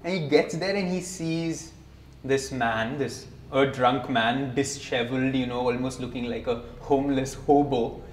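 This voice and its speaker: A man giving a relaxed, conversational scripture talk, telling stories and often chuckling. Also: mid-range voice, unhurried, a little hiss or hum. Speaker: spiritual teacher. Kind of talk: scripture discourse with storytelling. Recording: echoey room.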